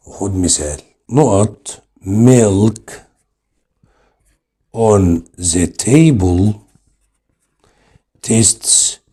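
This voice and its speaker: A man's voice: deep voice, mellow. A man with an Egyptian Arabic accent teaching English grammar online, explaining step by step and asking and answering his own questions.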